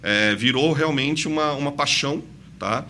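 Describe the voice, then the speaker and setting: This 46-year-old investment advisor, raised in inland São Paulo state, talks about his own story during a podcast interview, his Brazilian accent a mix of São Paulo and Santa Catarina. His mid-range voice moves at normal speed with a bright, forceful tone, over slight background noise.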